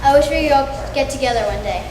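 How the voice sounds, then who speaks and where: A high voice from a young student reciting lines slowly for a school film. The room is very echoey, and loud noise runs behind her. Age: child. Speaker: student performer.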